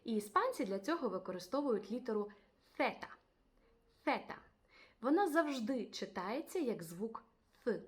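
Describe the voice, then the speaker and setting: Woman, language teacher, lively bright voice, repeats words twice, addresses viewers. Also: on the high side. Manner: speaks slowly and repeats each Spanish word twice; animated, addresses viewers directly. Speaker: Spanish teacher. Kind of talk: language lesson.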